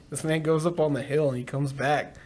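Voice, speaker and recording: A young man in casual chat who tells stories with lively, profane acted-out quotes. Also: a little high, normal speed. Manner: animated storyteller, profane, acts out quotes. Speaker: podcast co-host.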